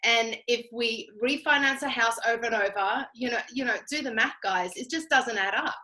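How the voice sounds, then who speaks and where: An Australian woman, a guest speaker telling her personal story, talks straight to her listeners in a chatty, emphatic testimonial. Her voice is a little high and sharp in tone, at a moderate pace, and the audio quality is poor.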